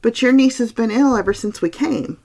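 A woman voicing a young gentleman painter, an earnest husband who questions insistently. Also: on the high side, normal speed, creaky, pitched above the performer's own voice. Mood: pressing. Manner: pressing, questioning delivery.

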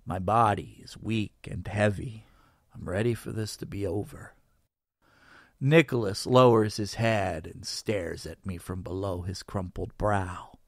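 A man narrating his story in first person, in a weary, slow audiobook reading. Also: gravelly, no room sound, clean studio sound. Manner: slow, weary, lively pitch.

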